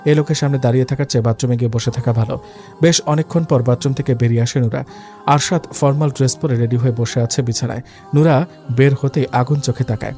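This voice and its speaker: A man narrating a dramatic story in a steady, scripted reading. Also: medium pitch, fast talker. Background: faint background music.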